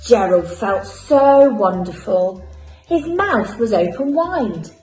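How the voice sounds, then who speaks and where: A woman primary school teacher reading a picture book aloud to children, clear and expressive. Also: medium pitch, echoey room, faint music behind, rough recording. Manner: clear, expressive, unhurried storytelling.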